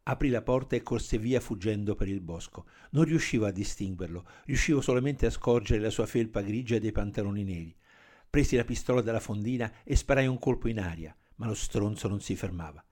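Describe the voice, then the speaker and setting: A man reading a first-person crime story aloud in a steady, measured manner. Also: fairly low pitch. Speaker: narrator. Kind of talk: scripted narration of a crime story.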